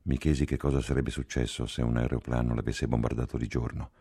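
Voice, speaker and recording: A man reading a novel aloud in a measured, sober first-person telling. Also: very deep voice, little pitch movement, creaky, mellow, slightly rough, no echo, studio quality. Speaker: audiobook reader. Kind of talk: scripted literary narration.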